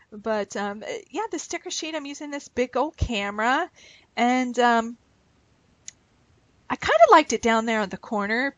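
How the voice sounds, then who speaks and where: A woman's voice: a little high, fairly bright tone, no echo. A woman crafting a scrapbook at home, chatting and rambling as she works and laughing easily. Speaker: craft vlogger. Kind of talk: casual chat while scrapbooking.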